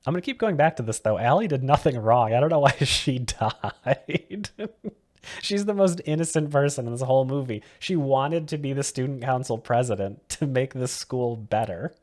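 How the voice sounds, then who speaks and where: A man's voice: mid-range voice, lively intonation, moderate pace, a little mellow. A man co-hosting a casual movie-review podcast, who laughs often as he talks. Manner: giggly, laughs often mid-sentence. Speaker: podcast co-host.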